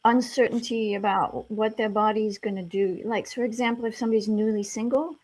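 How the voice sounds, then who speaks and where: Here a sex therapist guest, a middle-aged woman from France who speaks with an American accent, talks openly and comfortingly in a relaxed interview, dropping "you know" again and again. Her mid-range voice moves a little fast with fairly even intonation and a slightly mellow quality.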